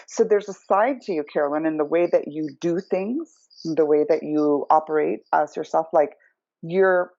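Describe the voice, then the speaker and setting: A lower-voiced woman gives a numerology reading in a relaxed, chatty manner. She explains each idea at length, on a dry, slightly muffled podcast recording. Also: no echo. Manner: chatty, explanatory, acts out quotes.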